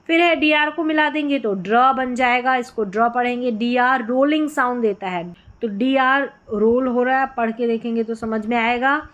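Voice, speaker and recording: A woman teaching English spelling sounds in a phonics lesson, patiently repeating each word and checking with quick questions. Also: on the high side, fairly bright tone, highs cut off.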